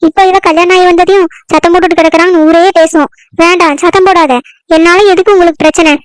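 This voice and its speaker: A woman's voice: very high voice, fairly even intonation, fast talker, dry recording. A woman playing a scheming mother-in-law in a comedy skit, sweetly pleading and slyly muttering. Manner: soft pleading, then sly muttering.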